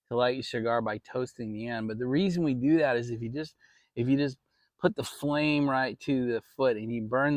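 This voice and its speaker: Casual American male vlogger, easygoing and rambling, salty now and then, talking from the backyard with a dry, echo-free sound. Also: mid-range voice. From Maryland, United States. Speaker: vlog host. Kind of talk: casual outdoor backyard chat to viewers. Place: outdoors in a shaded backyard.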